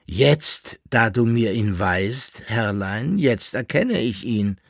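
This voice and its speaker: Here is a brash, impudent servant who scolds his master in a high, shrill, cheeky voice, loud and pushy in every phrase, as a male reader puts him on. It sits close and dry, at a slow, dragging pace. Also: lively intonation, creaky, no echo, exaggerated voice. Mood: mocking.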